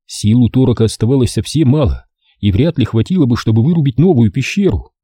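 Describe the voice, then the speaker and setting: A man narrating an audiobook in an expressive, lively storytelling manner. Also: mid-range voice, quick pace, breathy edge, no echo, studio quality.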